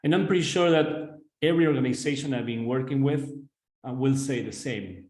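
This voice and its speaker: A man's voice: medium pitch, a little fast, darkish tone, reverberant, rough recording. A man from Argentina with an Argentine Spanish accent, an executive coach giving a webinar presentation over a video call, earnest and direct, often checking in with "right?". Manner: earnest, addresses audience directly, frequent "right?" tag questions.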